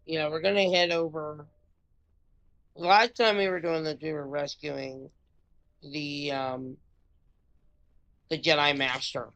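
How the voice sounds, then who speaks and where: A woman's voice: low-pitched, fairly even intonation, slow pace, long pauses, a bit bright. A woman chatting casually and hesitantly over her gameplay at home. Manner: easygoing, hesitant with fillers. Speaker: gaming streamer. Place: home room.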